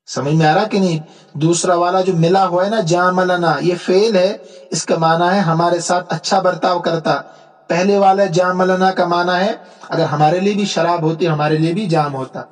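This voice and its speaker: High-voiced man teaching a lesson. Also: steady tone. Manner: explains step by step, checks understanding with rhetorical questions; recites Arabic verse slowly and deliberately. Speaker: religious teacher. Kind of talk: classroom lecture on Arabic rhetoric.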